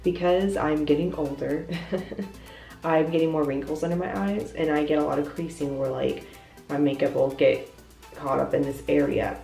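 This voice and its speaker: In an echoey hotel bathroom, off-mic with faint music playing, a congested young beauty vlogger chats through a makeup tutorial. Her stuffy voice is deeper than usual and mellow, with vocal fry, fairly even intonation, and normal speed. She explains each step in a self-deprecating way.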